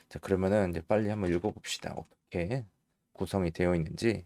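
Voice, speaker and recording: A middle-aged man giving a casual English pronunciation lesson, talking slowly and thinking aloud with fillers. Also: on the low side, warm tone, dry recording. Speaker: English teacher for mothers.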